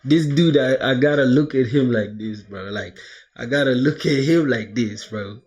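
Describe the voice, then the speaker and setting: A husky, slightly mellow mid-range male voice at a moderate pace belongs to a South Sudanese man in his twenties. He's livestreaming himself coding toward a job, chatting casually in slang, saying "bro" in nearly every line, laughing, and reading chat aloud.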